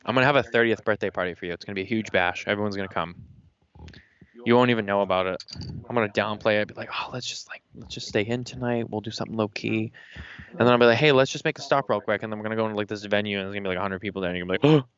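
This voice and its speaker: Young male podcast host, low smooth voice, dry dull lo-fi sound, chatty and opinionated. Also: rapid-fire. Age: 20s. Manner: rambling, animated opinions. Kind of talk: casual podcast chat. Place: indoor smoking lounge.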